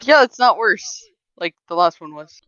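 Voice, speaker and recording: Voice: medium pitch, lively intonation, normal speed, a bit bright, dry recording. A player in an online tabletop game, talking casually in a wry, slightly reluctant way. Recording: dull lo-fi mic.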